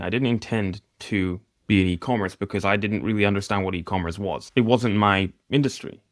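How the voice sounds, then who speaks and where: A man in his thirties from Northeast Scotland, a guest mentor on a podcast, chats casually in a mixed mid-Atlantic accent with a light Scottish edge. He is self-deprecating and quick to laugh, with a lowish voice. The recording is dry and clean, with studio sound.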